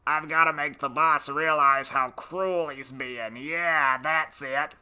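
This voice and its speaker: Man doing a whiny pet parrot, slow, bright and clear, storybook. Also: a little high, steady tone, heavily acted. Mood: pleading. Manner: whiny, pleading, slow and drawn out. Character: sulky talking pet parrot, male, wheedling. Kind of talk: storybook record acting.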